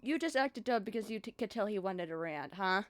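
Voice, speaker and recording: A woman doing a timid, halting young woman. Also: mid-range voice, animated, fairly bright tone, no echo, natural voice. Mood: hesitant.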